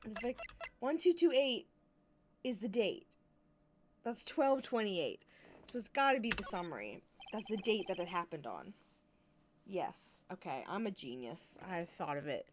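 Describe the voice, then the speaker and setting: A woman's voice: medium pitch, sing-song, measured pace, slight background noise. A woman gaming streamer chatting casually, giggly and jokey, with game music behind her. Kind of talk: casual playful commentary while voicing game dialogue.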